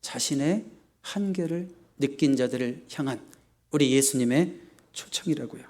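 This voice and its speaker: A male pastor preaching a sermon in an animated way, swinging from soft asides to loud emphasis. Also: mid-range voice, moderate pace.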